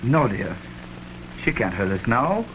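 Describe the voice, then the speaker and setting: Boyish young son, early talkie style: earnest, swooping intonation, hissy vintage film sound. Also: male voice, medium pitch, big pitch swings, a little slow. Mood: reassuring. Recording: crackly, humming 1929 film soundtrack.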